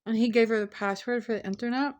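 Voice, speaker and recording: A young woman with a slightly high voice talks straight to her viewers in a relaxed, candid vlog. She vents openly about her frustrations as she snacks between thoughts, recorded indoors at home. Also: fast. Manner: candid, venting, snacking while talking. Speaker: vlogger. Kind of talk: casual vlog chat.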